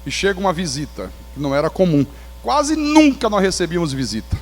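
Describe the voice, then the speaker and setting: A Brazilian man preaching as a pastor, telling his testimony in an animated storytelling way with touches of humor. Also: high voice, fairly quick, in a large hall. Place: church sanctuary.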